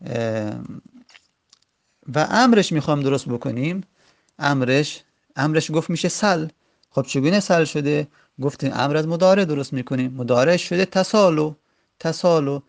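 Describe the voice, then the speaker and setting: A man's voice: on the high side, creaky, pauses often. A man teaching a grammar lesson, patiently repeating each form aloud with frequent hesitations.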